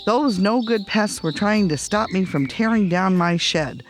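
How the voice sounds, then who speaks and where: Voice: medium pitch, expressive, unhurried, faint music behind, voice pushed up, natural voice. A narrator voicing a hot-tempered, grumbling male cartoon duck uncle in a children's storybook, exclamatory and indignant.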